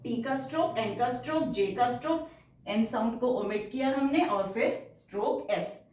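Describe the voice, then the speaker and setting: An Indian woman teaching shorthand, dictating words slowly and then explaining each outline step by step. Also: on the high side, darkish tone, a little hiss or hum. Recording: echoey room, voice far from mic.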